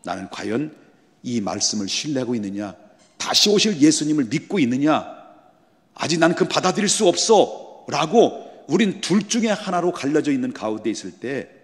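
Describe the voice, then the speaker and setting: Male pastor preaching, lots of rhetorical questions, gets loud and emphatic, long church echo. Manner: asks the congregation frequent rhetorical questions; builds to loud, high emphatic passages. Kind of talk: sermon. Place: church sanctuary. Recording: long church hall reverb.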